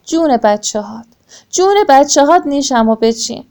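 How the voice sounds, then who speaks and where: A woman voicing a lonely aunt scorpion who longs to be invited to parties, pleading in a raised, higher voice. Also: animated, mellow.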